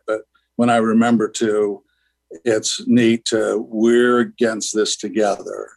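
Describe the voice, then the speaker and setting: A man's voice: lowish voice, a little mellow, poor audio. An older man, a school founder, speaking as a guest on a radio interview in an earnest, rambling way with many fillers.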